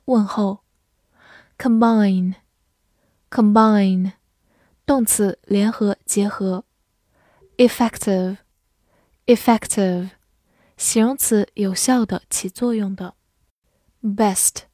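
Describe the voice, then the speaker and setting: A woman teacher giving a vocabulary lesson. She reads each word twice and then its meanings, in a clear, careful way. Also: mid-range voice, dark tone, dry recording, clean studio sound. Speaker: English teacher.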